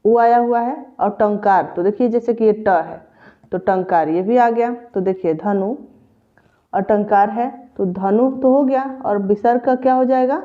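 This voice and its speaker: Over tinny, phone-like audio, a woman leads an exam-preparation grammar lesson at a measured pace in a mid-range voice, going through each example patiently and repeating it step by step.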